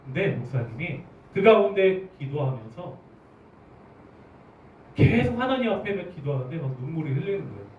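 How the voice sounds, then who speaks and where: A man preaches to his congregation, his pitch swinging widely as he keeps putting questions to them. He sits a bit high for a man and is picked up from across a large, echoing church hall. The recording is muffled, with a faint murmur of room sound behind him. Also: moderate pace, pauses often, slight background noise. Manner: animated, asks the congregation questions. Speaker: pastor. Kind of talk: sermon. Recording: roomy, distant, dull church recording.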